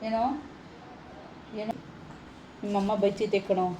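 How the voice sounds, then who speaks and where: A woman with a Kannada accent from Kalaburagi, gently coaxing and consoling a crying child in a casual family vlog. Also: mid-range voice, little pitch movement, moderate pace. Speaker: vlogger. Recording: echoey room, faint noise.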